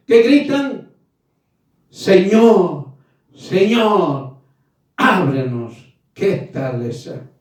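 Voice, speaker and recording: A man preaches a fervent evangelical sermon, stern and admonishing, using short, emphatic phrases and repeated exhortations. His voice sits high with a darkish tone, and he sounds distant from the mic in a very echoey room.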